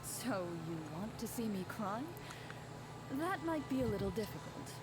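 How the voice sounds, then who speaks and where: A woman voicing a composed, earnest champion duelist in an anime-style game, measured, polite and formal, over loud noise. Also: a little high, sing-song, loud music behind the voice. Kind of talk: English anime-style video game dub acting.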